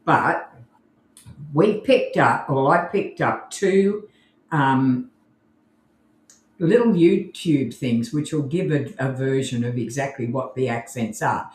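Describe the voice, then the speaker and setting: An Australian woman co-hosts a casual live podcast, rambling and restarting her sentences often. Her voice is rumbling, low, and slow, and the recording has a roomy echo.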